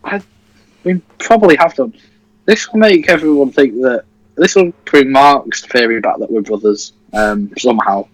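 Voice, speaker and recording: Teenage lad, dry close sound. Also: male voice, mid-range voice, normal speed, no room sound, poor audio. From Leeds, England. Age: teens. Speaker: livestream co-host. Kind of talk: casual football watchalong chat.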